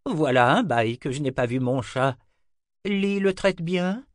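A man's voice: fairly high pitch, lively intonation, a little slow, no room sound, studio quality, voice pushed up. A man doing a kindly old wizard. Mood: genial. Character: kindly old male wizard, wry and gentle. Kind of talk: audiobook character reading.

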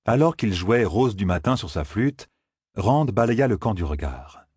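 A man reading a fantasy novel aloud as an audiobook narrator, with expressive storytelling. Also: on the low side, a little slow, husky, dry recording, studio quality. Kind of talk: scripted narration.

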